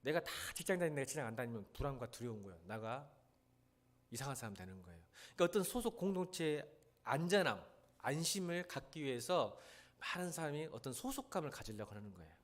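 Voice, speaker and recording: A middle-aged male pastor with a Jeolla Korean accent preaching a sermon. He swings from hushed pleading to loud, emphatic questions. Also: mid-range voice, big pitch swings, quick pace.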